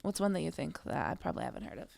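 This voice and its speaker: A woman's voice: low voice, lively intonation, racing, creaky, a little mellow. A woman with a western Canadian accent, chatting casually and bluntly, joking with plenty of crude slang. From Calgary, Canada.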